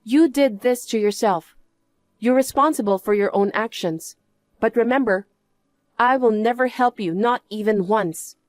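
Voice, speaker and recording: A woman's voice: fairly high pitch, a little slow, darkish tone, no echo, natural voice. A woman playing a scornful betrayed wife in a story drama, scolding and dismissive. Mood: firm, cold. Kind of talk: dramatised story narration and dialogue.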